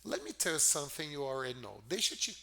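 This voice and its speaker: A male English teacher walks through a film scene line by line, echoing each phrase before he unpacks it. His voice is bright and sits a little high. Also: wildly swooping pitch, gravelly. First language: Portuguese. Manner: repeats lines then explains slowly. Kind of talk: film-clip language lesson.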